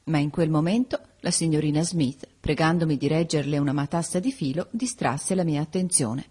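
A woman narrates a classic novel for an audiobook. Her voice sits low with a husky, breathy grain, and her telling stays measured and even throughout.

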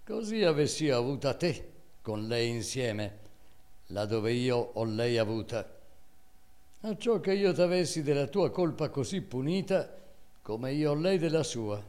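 A man's voice: mid-range voice, sing-song, a little slow, darkish tone, pitched above the performer's own voice. A man voicing a vengeful scholar. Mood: menacing. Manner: menacing, bitter. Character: vengeful young male scholar, cold and threatening.

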